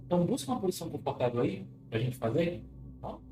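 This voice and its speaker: A Brazilian therapist and hypnosis teacher leads an informal guided self-care session, starting as a live talk and easing into guided relaxation, reassuring and instructive throughout. He speaks fast in a warm, highish voice with big pitch swings, and the recording has a roomy echo with faint music.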